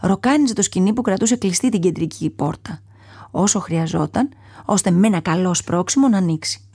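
A woman narrating a children's story aloud in a calm, measured reading, sometimes falling to a soft whisper. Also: fairly low pitch, slightly rough, no room sound, studio quality.

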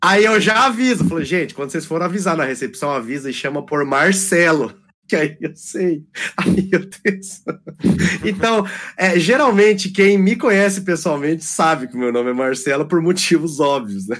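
A man with a strong rural Brazilian R, telling a story as a podcast guest in a chatty, animated way and acting out the quoted lines. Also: fairly high pitch, normal speed. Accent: Brazilian countryside, strong rolled R. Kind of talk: casual chat.

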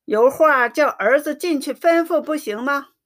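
A woman's voice: sits high, unhurried, fairly bright tone, pitched above the performer's own voice. Woman reading a humble, pleading middle-aged father. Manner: humble, placating.

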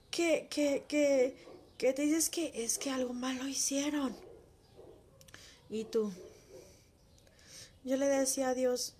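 A woman with a high voice gives a heartfelt personal testimony. She speaks in an emotional, intimate way, as if confiding in one listener. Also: a little mellow, slight background noise.

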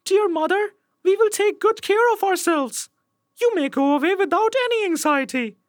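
A man's voice: extremely high pitch, expressive, normal speed, dry recording, clean studio sound, pitched above the performer's own voice. A man voicing timid but defiant little goat kids in a childlike, singsong way for a storybook tale. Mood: dutiful.

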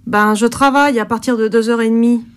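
A woman's voice: a little high, clean tone, natural voice. Woman voicing a casual young woman on the phone. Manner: casual, relaxed, quick clipped phrases. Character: young woman answering a friend's call. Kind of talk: recorded course dialogue.

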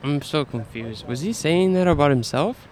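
A man's voice: fairly high pitch, expressive, normal speed, a little mellow. A young man, a podcast guest, chatting casually and teasing his friend with short reactions. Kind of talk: casual chat.

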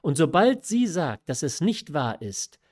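A man's voice: on the high side, sing-song, a little slow, a little mellow, voice pushed up. A man reading aloud who voices a desperate, pleading young noblewoman in a classic story. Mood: imploring. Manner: emotional, imploring. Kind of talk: audiobook reading of a classic novella.

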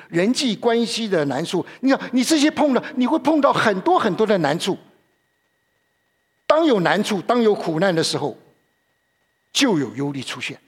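Husky-voiced man preaching a sermon. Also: high-pitched. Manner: conversational, repeats himself and asks the listeners questions.

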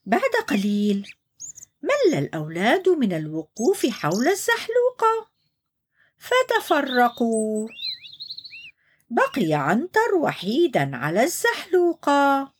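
An older woman, a grandmotherly storyteller, reading a picture book aloud to small children in an expressive way. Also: sits high, unhurried, long pauses, slightly rough. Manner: warm, expressive, sing-song.

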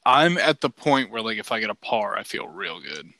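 A man co-hosting a podcast in casual chat, relaxed and rambling, with lots of "like" as filler. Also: on the low side, moderate pace, no echo, poor audio. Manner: relaxed, rambling, heavy use of "like". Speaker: podcast co-host.

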